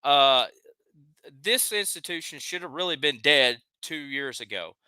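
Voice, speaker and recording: A man's voice: fairly high pitch, lively intonation, a little slow, bright, forceful tone, clear, resonant tone, no echo. A man with a Southern accent hosting a live stream, ranting heatedly and reading chat comments aloud. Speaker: live show host.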